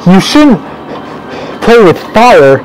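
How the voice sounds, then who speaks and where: A man's voice: high voice, big pitch swings, slow, slight background noise, full character voice, rough recording. A man doing a giddy nine-year-old boy. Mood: excited. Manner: gushing, childlike delight, munching sounds. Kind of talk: solo animation voice acting.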